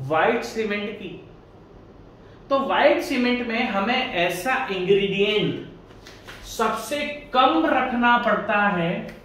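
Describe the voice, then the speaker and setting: An engineering exam tutor with a high-pitched, slightly bright voice delivers a relaxed exam-prep lecture, chatting along and posing questions he answers himself. The room echoes, the mic is distant and a faint hiss is audible.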